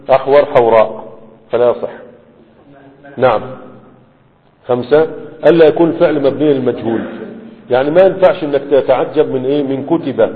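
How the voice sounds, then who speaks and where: Fast-talking teacher, tinny reverberant audio. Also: male voice, medium pitch. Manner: asks rhetorical questions, repeats checks with students. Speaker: Arabic morphology teacher. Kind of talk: explanatory lecture. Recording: tinny phone-like audio with long hall reverb.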